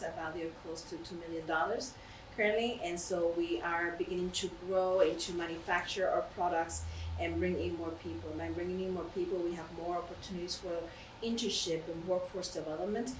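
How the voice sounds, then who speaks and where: A woman from Puerto Rico, a company CEO, explaining her business in an earnest, businesslike way in an interview. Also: fairly low pitch. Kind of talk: recorded interview. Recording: echoey room, distant mic, background noise.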